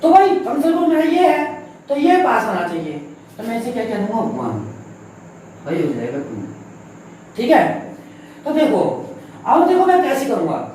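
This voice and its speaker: A man's voice: very high-pitched, wildly swooping pitch, normal speed, long pauses, a little mellow. Man teaching in a very echoey room. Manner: conversational, asks and answers his own questions, repeats key points. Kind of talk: recorded classroom lesson. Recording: very echoey room, mic at a distance, faint noise.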